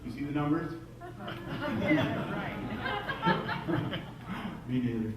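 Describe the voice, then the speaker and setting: A man's voice: on the high side, wildly swooping pitch, drawn-out words, over a noisy crowd. A man performing a live comedy juggling act, with showman patter to the audience and self-mocking jokes. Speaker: stage juggler and comic. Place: indoor stage before a live audience. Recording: very echoey distant live room recording with loud noise.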